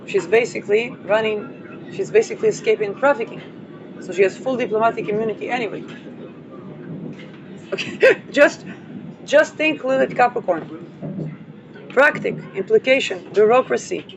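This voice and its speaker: A woman's voice: a little high, moderate pace, pauses often. A woman hosting an astrology channel who talks in a rambling, digressive way, with playful asides and frequent fillers. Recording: dull lo-fi audio with vehicle noise.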